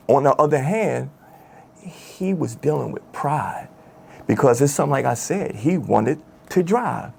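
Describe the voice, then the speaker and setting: A man's voice: medium pitch, creaky, a little hiss or hum. A man telling his story in an interview, emotional and candid, full of street slang and asides like "my dude". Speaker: former rap group member telling his story.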